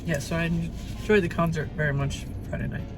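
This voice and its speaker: A man's voice: fairly high pitch, little pitch movement, a little fast, music in the background. A man making short, casual remarks in conversation inside a car. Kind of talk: casual chat, short replies.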